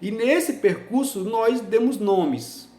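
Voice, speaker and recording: A man's voice: high voice, expressive, takes it slowly, warm tone, reverberant. A Brazilian man teaching education students in an emphatic lecture, often stopping to ask rhetorical questions. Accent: Brazilian Portuguese. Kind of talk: university lecture.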